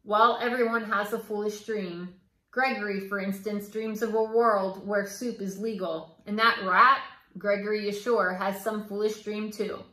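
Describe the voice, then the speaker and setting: A woman's voice: mid-range voice, steady tone, unhurried, sharp tone. A woman reading aloud and voicing an odd, stern old male jailer who talks about himself by name, in a roomy echo. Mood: solemn. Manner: speaks of himself by name, solemn.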